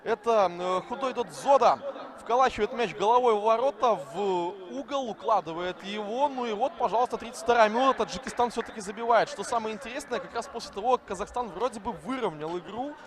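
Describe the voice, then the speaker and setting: High-pitched man commentating live football. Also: a little fast, crowd noise. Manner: excitable, rising to shouts at attacks.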